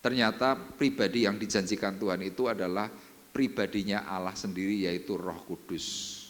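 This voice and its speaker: Male pastor preaching, storytelling sermon, goes quiet then loud, big echoey church. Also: on the low side, normal speed. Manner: animated storytelling testimony, swings between hushed and emphatic. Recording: reverberant church hall.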